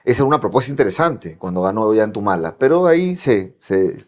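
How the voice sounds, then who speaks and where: A man's voice: lowish voice, sing-song, fast talker, darkish tone. A man hosting a political discussion, conversational, agreeing with his guest and summing up his points. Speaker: host.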